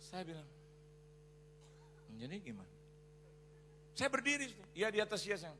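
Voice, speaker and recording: A man preaching a sermon as a pastor, telling a story in an animated way, acting out quotes and mixing in English phrases. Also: high-pitched, a little fast. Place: large church hall. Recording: reverberant church hall with faint noise.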